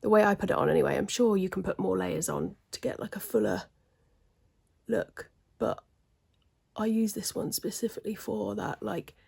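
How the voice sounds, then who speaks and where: A woman's voice: mid-range voice, expressive, moderate pace, vocal fry, darkish tone, breathy edge. A woman chatting casually through her makeup routine at home, with self-deprecating remarks and frequent half-whispered asides. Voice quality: slightly smoky laugh. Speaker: beauty vlogger. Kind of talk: casual get-ready-with-me chat. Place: at home, at a desk, in daylight.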